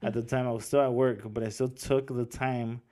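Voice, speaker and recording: A man's voice: medium pitch, level tone, fairly quick, warm tone. A man co-hosting a podcast in casual chat, talking hesitantly with lots of fillers and restarts.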